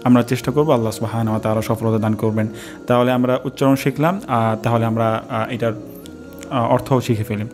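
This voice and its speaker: A male teacher at a middle pitch guides listeners through pronunciation one sound at a time. He speaks slowly and carefully and repeats syllables so they can copy him. Soft music sits faintly under his voice. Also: fairly even intonation. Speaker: Quran recitation teacher. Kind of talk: step-by-step pronunciation lesson.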